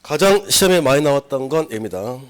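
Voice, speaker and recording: A man's voice: medium pitch, lively intonation, fast talker. A middle-aged man lecturing a class on civil law. He keeps asking the students questions and acts out his examples. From South Korea.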